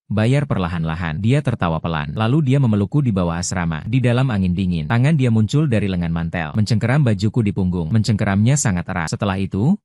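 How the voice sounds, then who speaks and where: A man narrating a story in the first person with steady, even delivery. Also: fairly low pitch, fast, no room sound.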